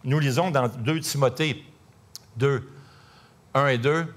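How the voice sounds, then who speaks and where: A middle-aged pastor with a Québécois French accent preaches a sermon in a conversational, storytelling way full of fillers. He speaks slowly in a mid-range voice.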